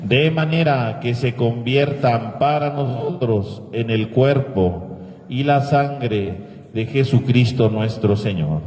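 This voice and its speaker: A man with a medium-pitched voice recites liturgical prayer as a priest. His delivery is solemn and formal. The sound is heavily echoed, with a long cathedral-like reverberation trailing the words. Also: slow, darkish tone. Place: large reverberant church indoors.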